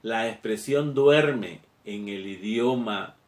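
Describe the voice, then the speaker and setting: A man preaches a sermon. He talks very slowly and haltingly, restarting his phrases. The room around him is echoey. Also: fairly low pitch. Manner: slow and halting, with many fillers and repeated words.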